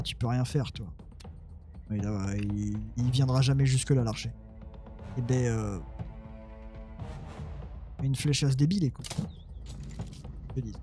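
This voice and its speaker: A man's voice: medium pitch, warm tone. A man casually commenting on his own strategy game, talking to his units and mocking himself. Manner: muttering, self-mocking, talks to his units. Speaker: let's play gamer.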